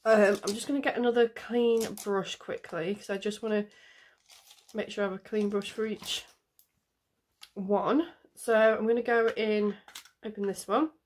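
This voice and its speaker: Unhurried and steady, her mid-range voice a bit mellow with slight background noise, a mom talks through her makeup on camera. A cold has her sounding nasal and bunged up, and the casual tutorial chat wanders, peppered with ums.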